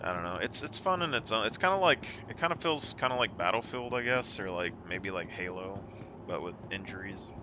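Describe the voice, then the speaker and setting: Chatting casually with a friend during a game stream, a man rambles along easily in a fairly low, expressive voice at a fairly quick pace. Game sounds and ship ambience come through as noisy audio behind him.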